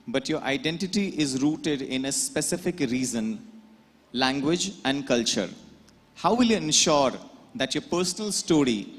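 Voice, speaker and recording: A man with an Indian accent posing a formal, prepared question as a pageant judge. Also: fairly high pitch. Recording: long hall reverb from stage PA.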